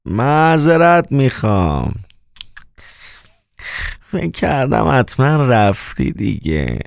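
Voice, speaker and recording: A man putting on an evasive theater manager in an audiobook, dragging his words out slowly with a lip-smacking mumble. His deep voice sounds close and dry. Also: vocal fry, darkish tone, no echo. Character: sluggish, evasive middle-aged male theater manager.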